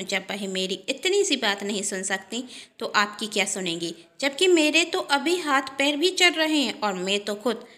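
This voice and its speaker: A woman's voice: on the high side, bright, forceful tone. A woman voicing a scheming elder sister-in-law who gossips in a coaxing, falsely sweet tone. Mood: complaining.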